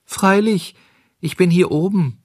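Man voices storybook cricket: small, wise, high-pitched, prim and scolding. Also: unhurried, darkish tone, no room sound, studio quality. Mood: calling. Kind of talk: audiobook character voice.

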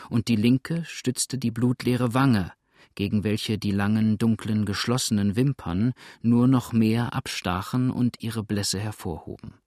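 A man narrating a novel in a measured audiobook reading. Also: on the low side, a little mellow, no echo, studio quality.

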